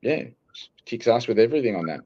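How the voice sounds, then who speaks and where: A man with an Australian accent, a guest telling stories in a relaxed, dry-humored way during a casual interview. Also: medium pitch, fast, lo-fi sound. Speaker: guest, archery gear business owner.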